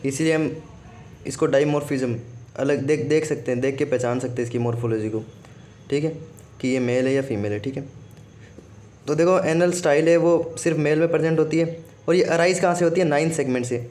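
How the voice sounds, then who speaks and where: A man's voice: on the high side, a little mellow. A man teaching a biology lesson for exam prep, who keeps repeating "okay" and asks himself questions before answering them.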